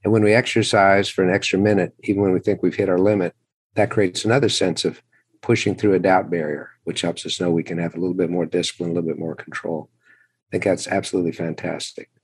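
Deep husky man, encouraging. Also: fairly even intonation, fast talker, dry recording. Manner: reflective and encouraging. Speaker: podcast guest. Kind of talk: casual podcast conversation.

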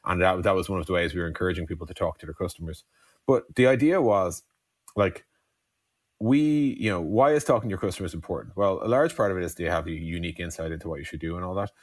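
A startup co-founder from Ireland, low-voiced, speaks fast and casually in an interview, with lively intonation. His founder stories wander off on tangents and lean heavily on "like" and "you know." The audio is dry and close-miked, with little room sound and no echo.

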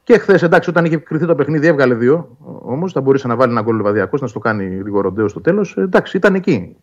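A man's voice: medium pitch, lively intonation, muffled recording. A man arguing football calls in a casual sports talk, insistent and repeating his points. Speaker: football pundit.

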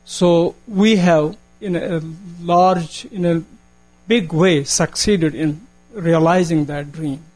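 A man's voice: fairly high pitch, steady tone, takes it slowly, darkish tone, faint music behind, rough recording. A man from Kashmir with a Kashmiri accent putting an earnest, formal question from the audience at a public talk. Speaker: audience member asking a question.

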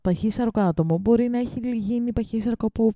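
A woman's voice: fairly high pitch, mellow, no room sound. A woman co-hosting a casual podcast chat, who is outspoken and fiery and swears freely. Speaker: podcast co-host.

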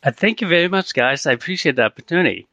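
A middle-aged man from China, a guest artist in an interview, speaking haltingly with many fillers. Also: a little high, lively intonation, sharp tone, no echo, muffled recording. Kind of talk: casual interview.

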